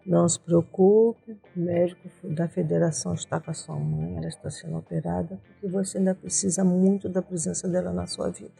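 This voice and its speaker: A calm otherworldly man speaks in a low, hushed, measured way, his tone mellow and warm, as a woman retells his words. He issues steady instructions and reassurances. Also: vocal fry, slightly rough, soft background music, heavily acted. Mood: soothing. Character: calm otherworldly male being giving instructions.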